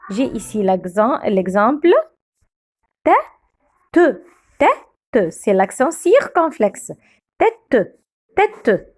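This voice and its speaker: Woman teacher, high voice, lively sing-song pitch, repeats each word, drills pronunciation. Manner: slow, repeats each word several times, spells out sounds. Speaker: French teacher. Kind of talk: beginner French pronunciation lesson.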